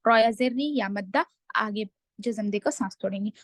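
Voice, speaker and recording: A woman teaching Quran recitation rules in a class, slow and deliberate, drawing out the recited words and then explaining each rule. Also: medium pitch, no room sound. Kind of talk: online tajweed class.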